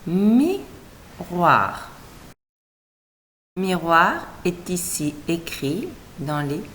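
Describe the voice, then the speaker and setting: Female teacher, children's reading lesson; slow, melodic, syllable-by-syllable delivery with faint background hum. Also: fairly low pitch, sing-song. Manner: slow, carefully segmented syllables, encouraging.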